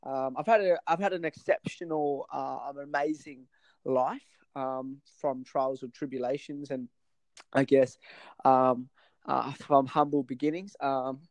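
A man's voice: medium pitch, fairly even intonation, no echo, low-quality recording. A man, a podcast guest talking casually with lots of fillers and restarts. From Sri Lanka. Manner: halting, many fillers and restarts. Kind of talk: casual interview chat.

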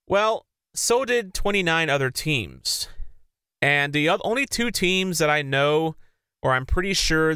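A male podcast host giving casual sports commentary, opinionated and prone to rambling. His voice is bright and crisp. The sound is dry, with the mic close and no room around him. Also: medium pitch, dry recording.

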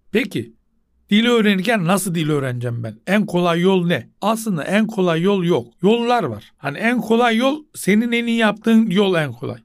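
A man's voice: fairly high pitch, no room sound, studio quality. A man hosting a podcast on his own, giving casual advice. He asks himself questions, answers them, and repeats his key points. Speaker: podcast host and translator.

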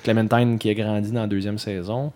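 A man's voice: fairly low pitch, flat delivery, darkish tone. A man with a Quebec French accent co-hosting a casual podcast chat, teasing his partner and rattling off game titles. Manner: teasing, lists titles fast. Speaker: podcast co-host.

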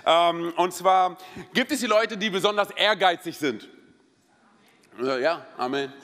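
Lively joking male preacher in a reverberant hall. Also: high voice, unhurried. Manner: energetic, joking, storytelling with many interjections. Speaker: pastor. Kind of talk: sermon. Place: church hall.

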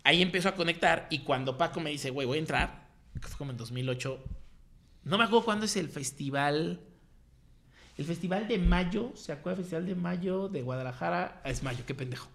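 Slangy Mexican man, gravelly and bright. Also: a little high, brisk. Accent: Mexican Spanish. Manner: slangy, animated, acts out quoted voices. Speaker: guest telling his story. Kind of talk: casual storytelling chat.

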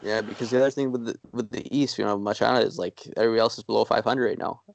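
Gravelly man rambling through sports chat. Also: lowish voice, slight background noise. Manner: rambling, self-deprecating, halting restarts. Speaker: podcast co-host.

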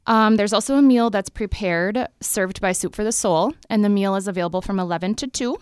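A woman from public health, a guest on a local interview, talking fast and upbeat with many fillers. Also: medium pitch, clean tone, no echo, clean studio sound. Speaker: public health event organizer.

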